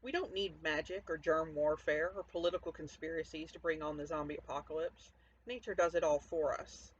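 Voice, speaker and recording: Speaking from home, a woman writer gives an informal introduction to a reading of her own story. Her low voice stays steady and moves a little fast, captured on dull lo-fi audio with clear background noise.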